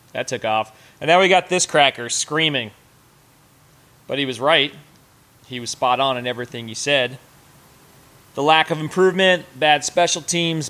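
A man's voice: mid-range voice, a bit bright. A man hosting a sports fan show, ranting with sarcasm and profanity while he cooks. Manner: sarcastic, profane, fast rants. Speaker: host of a sports fan podcast. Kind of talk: casual ranting commentary while cooking.

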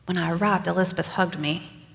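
Woman preacher playing Mary as a young mother, low and gravelly, slow and earnest, chatty asides, for a first-person sermon in a church with a long, ringing hall reverb. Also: fairly even intonation, a bit bright. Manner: conversational, earnest storytelling with casual asides. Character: Mary, young mother recalling her story.

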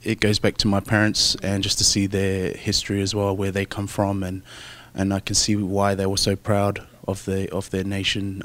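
A young man with an Australian accent, a rugby player answering interview questions in a soft, hesitant, thoughtful way with many fillers. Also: on the low side.

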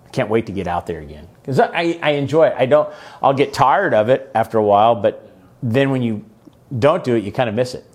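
A man's voice: medium pitch, expressive, a little fast, darkish tone. Chatty middle-aged male podcast host. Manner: chatty, upbeat, asks lots of questions. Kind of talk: casual interview chat.

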